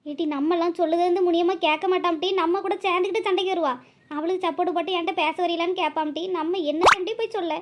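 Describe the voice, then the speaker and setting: Woman voicing a kind chatty cartoon neighbor, very high voice, quick talk. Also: steady tone, slight background noise. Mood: sympathetic. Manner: sympathetic, chatty.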